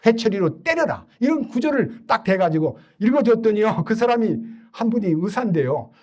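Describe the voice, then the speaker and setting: An older man delivers a sermon as a pastor, telling lively stories and imitating the voices of those in them. He has a high voice and speaks at normal speed.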